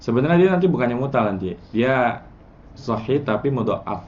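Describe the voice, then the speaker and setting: A relaxed male teacher talks his students through a grammar lesson. He quizzes them and chants word patterns. The recording sounds dull and lo-fi. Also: medium pitch, moderate pace. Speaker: Arabic morphology teacher. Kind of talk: casual classroom lesson.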